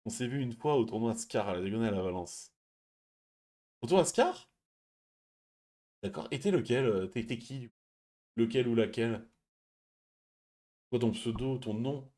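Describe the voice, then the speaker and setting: A man hosting a stream, chatting casually and reading viewer messages, speaking quietly and laughing often. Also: medium pitch, lively intonation, moderate pace, pauses often. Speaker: stream host.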